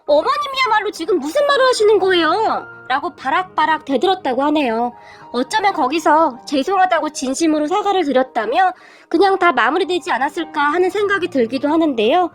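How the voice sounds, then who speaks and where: A woman narrating a submitted family story in an expressive storytelling manner. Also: very high-pitched. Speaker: story reader. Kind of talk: scripted narration.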